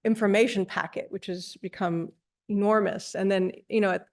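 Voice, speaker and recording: A woman on a discussion panel, answering in a measured, thoughtful way. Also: medium pitch, fairly even intonation. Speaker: panelist, field researcher.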